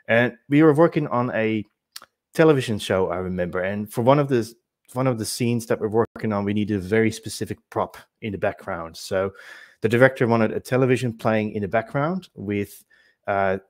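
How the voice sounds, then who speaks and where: Dutch-born man in his forties, webinar presenter, lowish voice, dry close sound, chatty with fillers. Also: no room sound. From Netherlands. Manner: conversational, with many fillers and self-corrections. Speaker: webinar speaker. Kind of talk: presentation talk.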